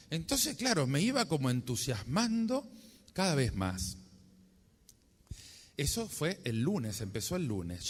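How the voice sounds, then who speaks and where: A man preaching with a Rioplatense Spanish accent, a friar recounting a story to a congress. His pitch swings widely as he plays out his inner dialogue and breaks into sudden exclamations. The voice carries the long reverb of a large hall. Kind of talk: storytelling sermon talk at a congress.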